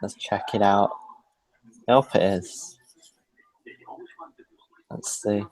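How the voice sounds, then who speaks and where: Teasing man, lowish voice. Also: steady tone, takes it slowly, a little mellow. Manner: laughs often, teasing. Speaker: co-host of a live reaction stream. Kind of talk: casual chat.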